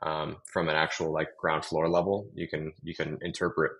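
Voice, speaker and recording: Interview guest: young man from New York, low and level delivery, chatty and meandering. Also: little pitch movement, normal speed, a bit bright, low-quality recording. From Long Island, New York. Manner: rambling, many fillers and restarts. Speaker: guest, real estate developer. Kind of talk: casual interview storytelling.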